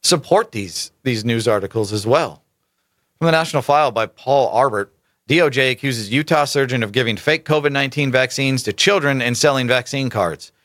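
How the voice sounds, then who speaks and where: A man talks through news items in a casual commentary show, reading lines aloud and then breaking off into emphatic asides. His pitch sits in a middle range and the sound is close and dry, with no room around it. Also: normal speed, fairly bright tone, dry recording. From United States. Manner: emphatic, rhetorical asides, stumbles over names. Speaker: political commentary host.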